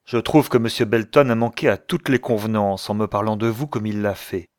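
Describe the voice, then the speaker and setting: A stiff, proper captain who speaks with cool disdain, as a male narrator reads him. The voice is low and measured, recorded dry and close. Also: steady tone, darkish tone, dry recording, natural voice. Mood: disdainful.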